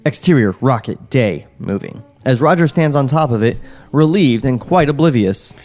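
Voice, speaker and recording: Reading a script on his podcast, this man delivers the screenplay's stage directions at normal speed in a comedic table read. His mid-range voice is animated and a little mellow, and he keeps interrupting the steady reading to crack jokes and laugh.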